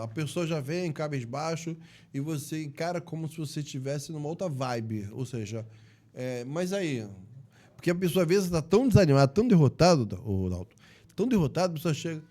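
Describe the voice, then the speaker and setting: A man's voice: a little high, warm tone. A Brazilian man hosting a casual podcast, chatting and agreeing often with his guest. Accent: Brazilian Portuguese. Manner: chatty, agreeable, with frequent filler affirmations. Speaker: podcast host.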